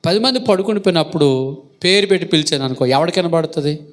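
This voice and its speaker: A male pastor preaching a sermon, asking the congregation questions and acting out loud calls. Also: on the high side, animated, fast talker. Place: church hall.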